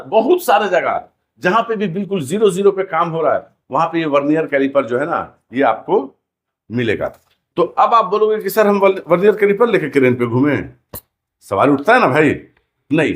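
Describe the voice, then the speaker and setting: A man teaching a rigging class, explaining terms and repeating key words back to his students as questions. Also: a little high. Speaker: rigging instructor.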